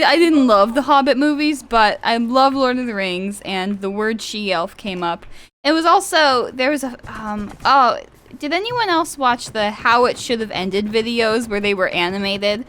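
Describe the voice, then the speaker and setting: A young American woman in her twenties chatting casually while gaming, giggly and quick to laugh. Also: a little high, animated, fairly bright tone. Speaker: gaming channel co-host. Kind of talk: casual gameplay chat.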